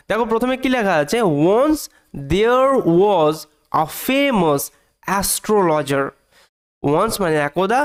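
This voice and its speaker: A man teaching an English reading lesson, breaking each sentence into small parts and repeating phrases, drawing out the English words slowly. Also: high voice, clear, resonant tone.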